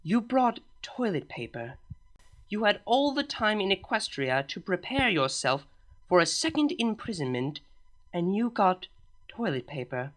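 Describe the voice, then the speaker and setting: A woman's voice: medium pitch, big pitch swings, unhurried, soft background music. Celestia, a woman doing an exasperated princess. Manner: exasperated, sighing, polite. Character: regal, exasperated alicorn princess, adult mare.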